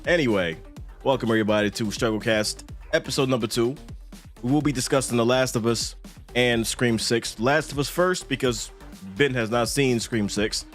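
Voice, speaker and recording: A podcast host with a medium-pitched voice and moderate pace runs a casual livestream, joking and swearing through profane banter as he chats. Music plays behind him.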